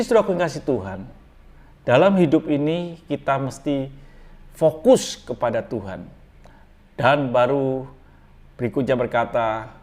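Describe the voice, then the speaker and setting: Indonesian male pastor, mid-pitched voice, measured devotional preaching with repeated phrases. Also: darkish tone. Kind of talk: daily devotional sermon.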